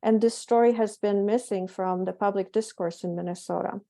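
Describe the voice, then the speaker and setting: A middle-aged woman from Poland with a Polish accent, giving a public lecture in a halting way with frequent self-corrections. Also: mid-range voice, fairly even intonation, vocal fry, dark tone. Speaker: presenter, physician and project curator.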